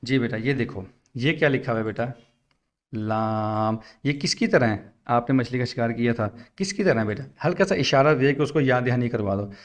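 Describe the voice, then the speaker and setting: A patient male Quran teacher, a native Urdu speaker, explaining letter shapes to other teachers in a middle-pitched voice. He drags out the syllables as he spells. The talk is instructional and steady. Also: moderate pace.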